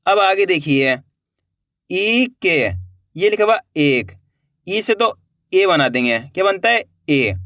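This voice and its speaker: A man's voice: sits high, expressive, slow pace, pauses often, sharp tone, no echo, studio quality. A man teaching a spelling lesson in a patient, repetitive way, spelling out words letter by letter and quizzing his viewers with questions as he goes. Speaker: English teacher.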